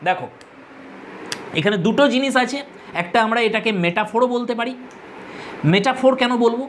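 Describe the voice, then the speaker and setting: A woman's voice: fairly high pitch, fairly quick, slight background noise. Woman teacher explaining a poem. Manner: explanatory, repeats key terms, addresses students directly. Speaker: English literature teacher. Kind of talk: line-by-line poem explanation lesson.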